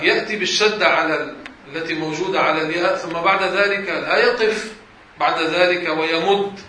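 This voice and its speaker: A man's voice: on the high side, bright, forceful tone. A man giving a religious lesson, correcting and demonstrating pronunciation. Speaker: religious teacher. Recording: echoey room with faint noise.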